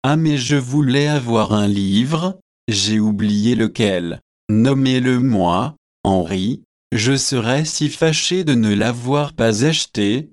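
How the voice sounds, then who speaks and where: A man's voice: mid-range voice, takes it slowly, no echo, clean studio sound, lightly acted. A man reading the part of a chatty, forgetful young newly married woman in an audiobook, with gushing, eager speech.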